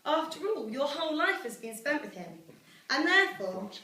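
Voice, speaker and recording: Her voice is high, bright, and forceful, with a sing-song lilt at a moderate pace: a young British daughter reading her own rhyming celebratory speech to a gathering. It's captured on a distant mic in an echoey room at a family celebration, with faint noise.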